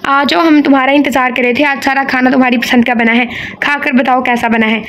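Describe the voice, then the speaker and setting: A woman's voice: high-pitched, steady tone, fairly quick, a bit bright. Woman reading a middle-aged mother, firm, caring, faint hiss. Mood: warm. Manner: firm and instructing.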